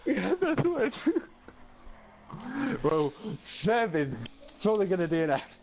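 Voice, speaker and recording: A man hosting a gaming session on voice chat, laughing and yelling in disbelief at the race. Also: high voice, big pitch swings, takes it slowly, vocal fry, dull audio. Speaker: gamer host on voice chat.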